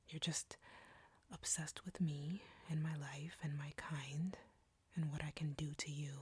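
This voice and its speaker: For an intimate audio roleplay, a woman voices an arrogant, flirty, menacing vampire in full character, taunting with deliberate delivery. Her low, darkish voice drops to a breathy whisper, with no echo.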